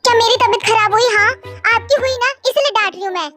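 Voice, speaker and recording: A woman's voice: very high-pitched, fast talker. A young woman voicing a short-tempered young woman who scolds bluntly, in a storybook reading. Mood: scolding. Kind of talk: storybook voice acting. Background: faint background music.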